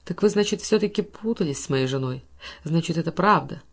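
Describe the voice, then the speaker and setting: A woman's voice: fairly low pitch, lively intonation, a little fast. A woman voicing a hot-tempered, cowardly male violinist who blusters and threatens melodramatically. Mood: blustering. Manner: shouting, melodramatic.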